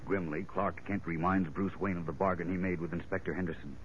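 A man's voice: deep voice, fairly even intonation, a little fast, background noise. A man with an American accent narrating a 1940s radio serial in a dramatic, suspenseful old radio announcer style. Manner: dramatic, suspense-building delivery. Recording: dull, lo-fi vintage radio recording.

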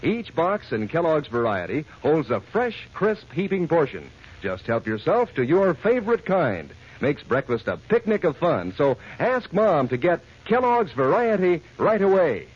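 Animated, husky old radio announcer man. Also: a little high, a little slow. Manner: peppy salesmanlike. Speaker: announcer and cereal pitchman. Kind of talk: 1940s old radio announcer, scripted advertising. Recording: dull old radio recording.

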